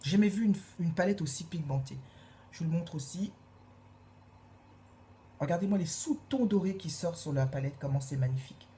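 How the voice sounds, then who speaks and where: A low, mellow-voiced woman chats through a makeup review, gushing and repeating her praise with plenty of hesitations. A faint hiss of background noise sits under her voice. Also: lively intonation, brisk, pauses often. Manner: gushing, repeats praise words, many fillers. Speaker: beauty vlogger.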